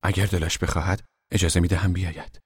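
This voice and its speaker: A man's voice: low-pitched, level tone, slightly rough, dry recording, clean studio sound. A man voicing a teenage boy who lives in the trees, answering in short, guarded replies. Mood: subdued. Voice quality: curt, clipped replies.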